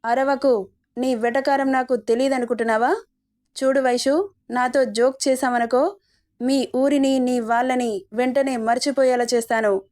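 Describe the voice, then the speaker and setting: A woman reads a domineering young man in a romance story, threatening and mocking, with a fairly high voice. He stays cold and controlling. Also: steady tone, moderate pace, a little mellow, lightly acted. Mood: taunting. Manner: taunting and threatening.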